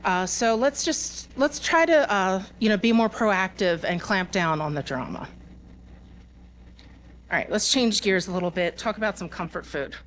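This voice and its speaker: A woman's voice: mid-range voice, expressive, normal speed, fairly bright tone, slight background noise. A woman speaking at a security conference, conversational with fillers and restarts, laughing between points and talking with her live audience. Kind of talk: conference talk.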